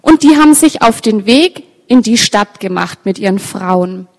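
A woman telling a story with pictures to an audience, talking straight to her listeners in a lively way. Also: medium pitch, moderate pace. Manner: lively, direct address to listeners. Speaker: storyteller for children. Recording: long reverb, large hall.

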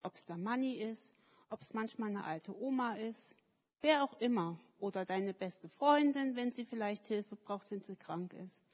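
A woman telling a story to children at a church service, lively and turning to ask them questions. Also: medium pitch, measured pace. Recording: echoey hall.

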